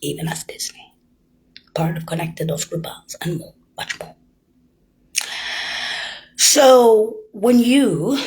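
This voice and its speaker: An older woman delivers a rambling monologue, swinging from hushed whispers to loud, emphatic bursts as she directly accuses her listeners. Her voice is fairly low and slightly rough, and the audio quality is poor.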